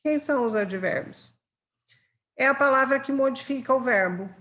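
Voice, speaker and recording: A woman with a Brazilian Portuguese accent teaches an exam-prep grammar lesson, patiently explaining with examples and checking in with her students. Her voice is high and a bit bright, at a moderate pace.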